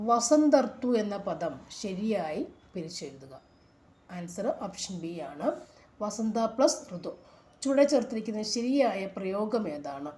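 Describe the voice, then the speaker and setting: A woman, working through exam answers as a tutor. She reads each question slowly and clearly, then explains it in quick bursts. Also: medium pitch, dark tone.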